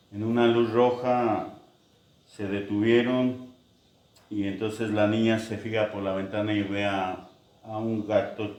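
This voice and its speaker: A man's voice: fairly low pitch, a little mellow. A man preaching a sermon, telling stories and acting out quoted voices. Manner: storytelling with acted-out quotes. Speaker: pastor. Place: church. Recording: echoey church hall.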